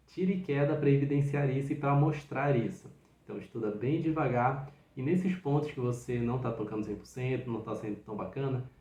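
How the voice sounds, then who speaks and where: A man's voice: mid-range voice, a little mellow. A man, a flute teacher explaining technique in a patient, encouraging, step-by-step way. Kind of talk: instructional video. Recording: roomy echo.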